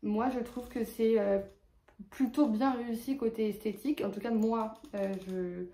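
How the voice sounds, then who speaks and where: A woman's voice: on the high side, steady tone, normal speed, dark tone, roomy sound. A woman with a lisp on her s sounds, talking casually and hesitantly in a personal vlog update. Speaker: vlogger.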